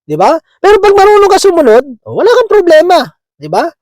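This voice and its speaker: A man's voice: very high voice, wildly swooping pitch, brisk, a little mellow, no echo, poor audio. A man preaching a conversational sermon, chuckling often and checking in with his listeners, slipping English words into his talk. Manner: chatty, keeps asking "di ba?", chuckles often.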